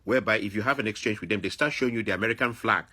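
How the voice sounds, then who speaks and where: A man's voice: on the low side, racing, pushed and bright. A man from Africa, speaking straight to camera in emphatic commentary and repeating his points to press them. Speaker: vlogger. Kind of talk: direct-address commentary.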